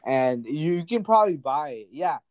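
A man's voice: fairly high pitch, lively intonation, normal speed, rough recording. A drunk twenty-one-year-old man hosting a casual chat, laughing a lot, swearing heavily and rambling. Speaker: podcast host.

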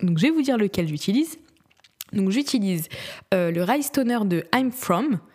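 A woman's voice: medium pitch, expressive, moderate pace, warm tone, husky. A young woman talking through her skincare routine in a casual vlog, chatty and giggly, with many fillers and restarts. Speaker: beauty vlogger.

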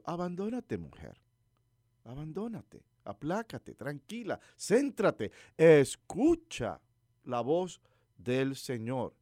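A male preacher who delivers his sermon like a lively conversation. His pitch rises and falls with a lot of movement, and he keeps turning to the listener with questions. The recording is close and dry, with hardly any room sound. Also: no echo. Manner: animated storytelling preacher, asks listeners questions.

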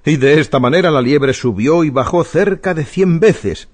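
A man narrating a children's radio story in a measured, expressive way. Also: a little high.

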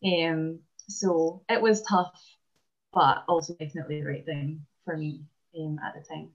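A Scottish woman in her twenties, a basketball player and dentist, chatting casually in an interview with many "um" pauses. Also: deep voice, steady tone, muffled recording. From Scotland.

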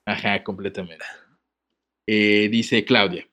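A podcast co-host reads a letter slowly in a lowish, bright voice that is steady and forceful. Still, he keeps stopping to joke and laugh, adding comic asides throughout.

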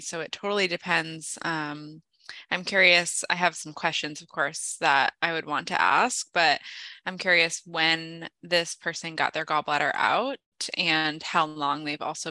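A young woman co-hosting a casual chat podcast, telling stories in an animated way and laughing often, then explaining health topics. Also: deep voice, no echo. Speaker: podcast co-host, health practitioner.

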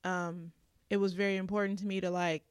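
A woman chatting earnestly on a podcast, thinking things through out loud. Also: fairly low pitch, little pitch movement, fairly quick, clear, resonant tone, dry recording, clean studio sound. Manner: thoughtful, earnest, reflective. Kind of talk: casual chat.

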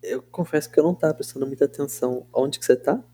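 A man's voice: medium pitch, quick pace, mellow, slightly rough. A man with a Brazilian accent co-hosting a podcast in casual, playful conversation. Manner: informal, playful. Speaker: podcast co-host. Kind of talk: casual chat.

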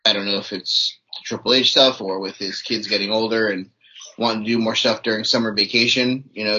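A man's voice: lowish voice, bright, forceful tone. A man co-hosting a podcast, giving blunt, profane opinions. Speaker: podcast co-host. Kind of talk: casual podcast chat. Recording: dull lo-fi podcast audio.

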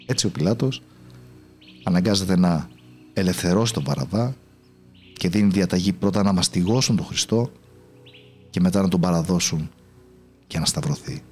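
A man narrating a children's storybook in a measured, solemn way. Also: low voice, darkish tone, faint music behind.

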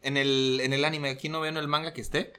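A man, hosting a casual podcast and retelling scenes in an animated way, laughing often. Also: fairly high pitch, quick pace, clean tone. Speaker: podcast host.

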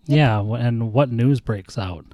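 Patient American dad, mellow voice. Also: male voice, mid-range voice, a little slow, dry recording. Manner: patient, teacherly, asks leading questions. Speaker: podcast host and father. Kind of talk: casual chat with his child.

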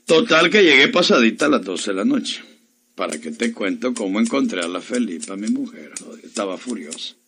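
A man's voice: fairly low pitch, very animated, brisk, pushed and bright, slight background noise, heavily acted. A man voicing a boastful, talkative village barber in a radio play.

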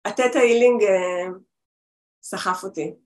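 A woman in her forties, a spiritual healer talking as a guest over a video call, chatty and rambling with restarts. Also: mid-range voice.

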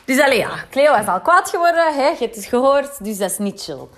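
A woman's voice: high voice, expressive, fairly quick, a bit bright, a little hiss or hum. A Flemish woman in her thirties from Belgium, chatting animatedly to her viewers in a casual storytime, with asides to them. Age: 30s. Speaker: vlogger telling a dating story.

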